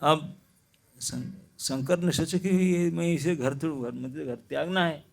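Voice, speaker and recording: A male monk gives a sermon as a lively story, stopping to put questions to his audience. His voice sits somewhat high for a man. He tells it loosely, with the manner of a spoken lecture rather than a script. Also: a little slow, creaky. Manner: animated, asks the audience questions. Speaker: monk preacher.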